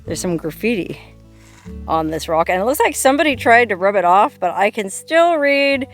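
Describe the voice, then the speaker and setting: A woman's voice: medium pitch, big pitch swings, moderate pace, soft background music. A woman travel vlogger talking outdoors in a desert canyon, in a casual, playful and jokey way. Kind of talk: casual vlog narration.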